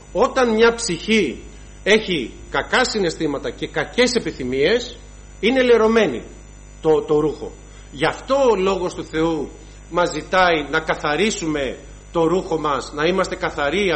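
A man's voice: fairly high pitch, fairly bright tone, a little hiss or hum, poor audio. A man preaching a sermon to his congregation, emphatic and rhythmic, listing sins one after another and calling the listeners brothers.

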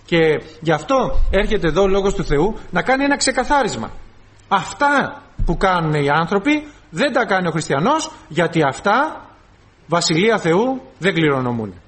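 A man's voice: high-pitched, sing-song, fairly bright tone. A man preaching a sermon to his congregation, calling them brothers and acting out short dialogues with the flesh.

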